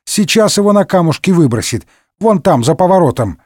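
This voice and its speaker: A cheerful, boastful old nobleman musketeer, raised and lively in pitch, who spins tall tales in a comic storybook reading, voiced by a man. His lines come dry and close. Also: brisk, dry recording. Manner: exclamatory, tall-tale bragging.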